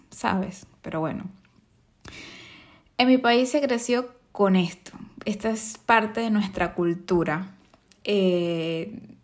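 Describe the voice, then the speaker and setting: A woman's voice: mid-range voice, darkish tone. A young adult woman with a Venezuelan accent, a makeup artist hosting her own podcast and talking casually, with frequent fillers and tag questions. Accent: Venezuelan Spanish.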